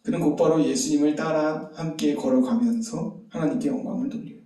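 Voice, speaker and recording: A man's voice: a little high, fairly even intonation, fairly quick, dark tone. A man preaching a sermon as pastor, telling a story and asking the listeners rhetorical questions. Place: church sanctuary. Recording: very echoey hall, distant mic.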